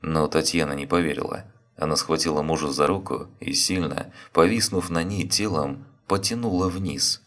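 A man narrating an audiobook story in a steady, even way. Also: extremely low pitch, moderate pace.

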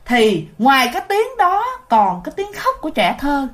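Animated Southern Vietnamese woman telling ghost stories. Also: high voice, normal speed. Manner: animated, addresses listeners directly. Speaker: ghost story narrator. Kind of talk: casual spoken ghost storytelling.

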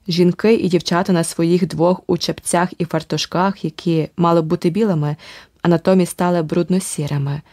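A woman narrating an adventure audiobook in a steady, vivid storytelling manner. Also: fairly low pitch, no room sound, clean studio sound. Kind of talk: scripted narration.

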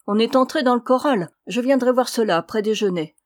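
A woman's voice: on the high side, brisk, no room sound, pitched above the performer's own voice, lightly acted. Woman reading as a young man, earnest, pleading, devoted son, dry close sound. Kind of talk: audiobook reading.

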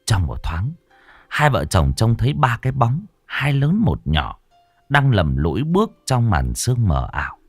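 A man's voice: mid-range voice, wildly swooping pitch, a little slow, gravelly, dry recording, faint music behind. A man narrating a ghost story dramatically, switching into many character voices.

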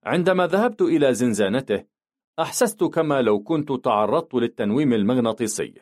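A man's voice: medium pitch, expressive, quick pace, a little mellow. Man narrating a novel audiobook.

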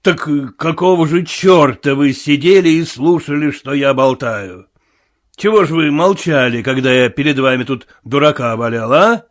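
A man voicing a talkative, grumbling old sailor who is quick to anger. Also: medium pitch, voice pushed down. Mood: angry.

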